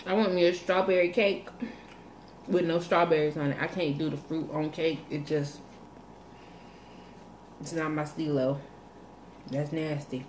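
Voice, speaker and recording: A woman's voice: low-pitched, steady tone, measured pace, pauses often, darkish tone, a little hiss or hum. A young woman chatting casually to camera as a vlogger, playful and rambling, with a folksy way of talking. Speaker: vlogger hosting an eat-with-me video. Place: small room indoors. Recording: roomy echo from phone recording.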